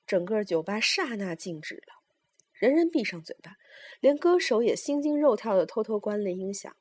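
A woman reading a story aloud in the first person, with a brisk and wry telling. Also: mid-range voice, animated, a little mellow, slightly rough.

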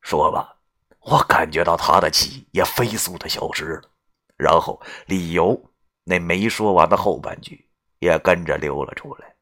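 A man narrating a story in an animated, wry way, with crude asides. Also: low-pitched, unhurried.

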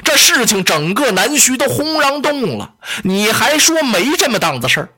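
A man's voice: very high voice, big pitch swings, normal speed, pushed and bright, husky, full character voice. A male storyteller voicing an old dowager mother scolding her son, trembling with rage and tearful. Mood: furious, tearful. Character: aging grieving furious mother, dowager queen.

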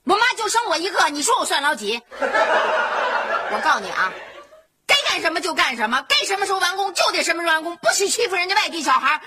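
Bold sitcom wife, high voice that swings all over, noisy tv audio. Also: female voice, moderate pace, pauses often. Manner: bold, sharp-tongued, animated. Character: brash feisty wife, the family tigress. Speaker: wife and stepmother in a family sitcom.

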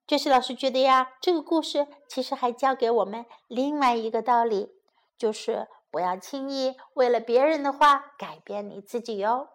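A woman teacher narrating a children's story and English lesson in a gentle, coaxing tone. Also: on the high side, moderate pace.

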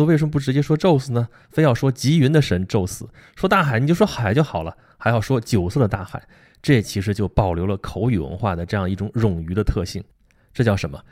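A man's voice: fairly low pitch, darkish tone. A man giving a casual spoken lecture about a book, often asking the listener rhetorical questions. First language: Mandarin Chinese. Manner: conversational, asks rhetorical questions. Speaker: book explainer.

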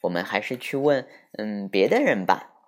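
A man's voice: on the low side, sing-song, normal speed. A man voicing Zoff, a cheerful, bouncy young friend who comforts others with sing-song reassurance, in a children's story.

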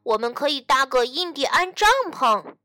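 一位女士扮演的一只活泼的小兔女孩，声音又高又亮，喊起来很响亮。这是儿童故事里的角色，录音干净干燥。. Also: female voice, high-pitched, expressive, normal speed, sharp tone, dry recording, faint music behind. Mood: earnest. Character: little sick girl bunny, eager and lively.

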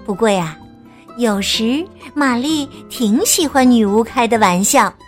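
一位女士为孩子讲睡前绘本故事，声音偏高，语调活泼，温柔而像唱歌般拖长。背景有隐约的音乐。

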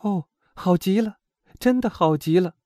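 A man's voice: high-pitched, normal speed, mellow, no echo, clean studio sound, pitched above the performer's own voice, natural voice. A man voicing a timid young woman who admires her bolder friend and worries about trouble. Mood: admiring. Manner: anxious, admiring.

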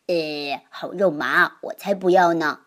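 A woman's voice: low voice, measured pace, fairly bright tone, voice pushed down. A woman voicing a lonely, defiant little boy in a storybook, with a petulant, childlike manner. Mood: scornful.

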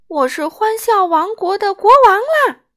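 A woman's voice: very high voice, lively intonation, slow pace, voice pushed up, heavily acted. A woman voicing a sad male king who sobs as he talks, in a children's story. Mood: delighted. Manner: sobbing, whiny.

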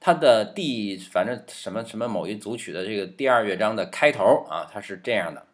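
A man hosts a music history lesson in a playful, jokey manner, even addressing his piano. His voice sits low, but his pitch swings widely. Faint piano music plays behind him. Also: moderate pace. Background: piano playing.

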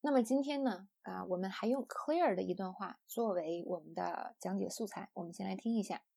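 Mellow-voiced Chinese woman teaching pronunciation. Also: mid-range voice, fairly quick, creaky, slightly rough, no room sound. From China. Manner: patient, explanatory, with many "啊" and "呃" fillers. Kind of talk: online audio lesson.

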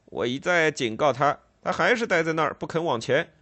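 A man's voice: a little high, sing-song, moderate pace, pitched above the performer's own voice. A man doing a curt, unmoved police constable. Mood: stern, cold. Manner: curt, unmoved, loud and firm. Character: cold, stern police constable, middle-aged man.

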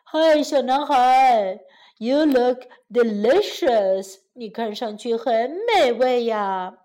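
A woman's voice: fairly high pitch, darkish tone, voice pushed down. A woman voicing a hungry cow who moos and drawls in a children's storybook. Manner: drawn-out, mooing. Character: hungry cow, slow and lowing.

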